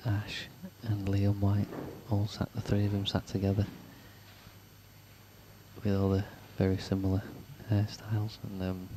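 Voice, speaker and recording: A man commentating live on a pool match, with hushed, dry, chatty asides between shots. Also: fairly low pitch, monotone, measured pace. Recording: noisy venue background.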